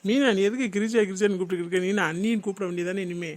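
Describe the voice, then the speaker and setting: A man's voice: high-pitched, racing, close to an everyday voice. A man voicing Santhosh, a playful, mocking young husband in a cartoon, joking at his wife's expense.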